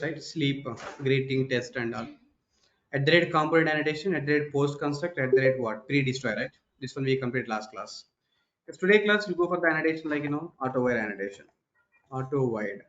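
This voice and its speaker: A man's voice: a little high, fairly bright tone. A man with an Indian English accent teaching a programming class live online, repeating key terms and quizzing his students. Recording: dull, echoey online class call audio.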